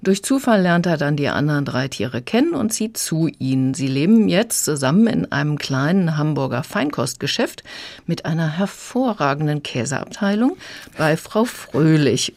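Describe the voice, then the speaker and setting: Brief: female book reviewer, deep voice, calm and measured. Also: no echo.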